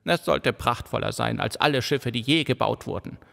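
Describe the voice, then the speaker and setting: A man doing a soft-voiced, half-mad old father. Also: mid-range voice, moderate pace, gravelly, long reverb tail. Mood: grieving. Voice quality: soft, androgynous. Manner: dangerous undertone with an edge of madness.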